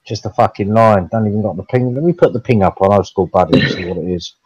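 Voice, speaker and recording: A man's voice: fairly low pitch, quick pace, a little mellow, husky, dull audio. A young man on a headset mic in gameplay chatter, calling out blunt instructions and swearing. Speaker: gamer.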